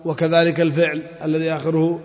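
A man teaching a classroom lesson on Quran recitation, drilling examples slowly, chanting phrases and quizzing his students. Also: a little high, flat delivery, a little mellow. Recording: long reverb, dull lo-fi sound.

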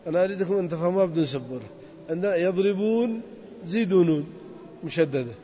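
A man teaching a grammar lesson to a class. He drills the students with questions and drags out the example words slowly. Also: high voice, animated, mellow, slight background noise. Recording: dull audio with long reverb.

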